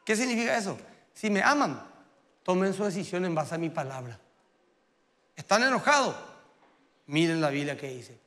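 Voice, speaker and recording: A man preaching a sermon as pastor, lively and conversational, acting out quotes. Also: sits high, normal speed, long pauses, in a large hall. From Paraguay.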